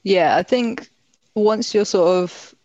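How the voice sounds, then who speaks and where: A woman's voice: medium pitch, takes it slowly, a little mellow, no room sound, dull audio. A young woman, answering questions in casual conversation. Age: young adult. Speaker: interviewee.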